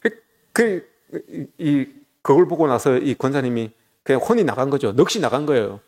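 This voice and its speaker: A man's voice: mid-range voice, animated, moderate pace, a little mellow. A man preaching a sermon, telling a story and speaking directly to his congregation. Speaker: pastor.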